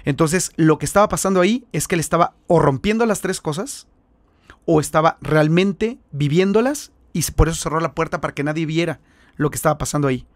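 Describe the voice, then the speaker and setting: A Mexican man with a Mexican accent, a missionary guest, telling his stories in an animated way and acting out the voices. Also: fairly high pitch, brisk, dry recording. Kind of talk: storytelling in an interview.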